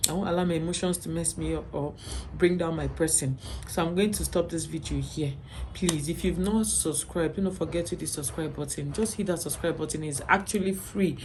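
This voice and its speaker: Earnest Nigerian woman vlogger, lowish voice. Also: fairly quick, dark tone, slight background noise. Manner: earnest, pleading, keeps checking in with "okay?". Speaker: vlogger and mother. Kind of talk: personal vlog to camera.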